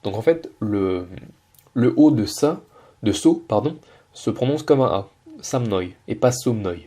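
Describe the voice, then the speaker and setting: A man's voice: mid-range voice, lively intonation, unhurried, dark tone. A man teaching Russian in French, patiently breaking down a video line by line with frequent hesitations. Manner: patient, many hesitations and self-corrections. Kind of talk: explaining a video lesson.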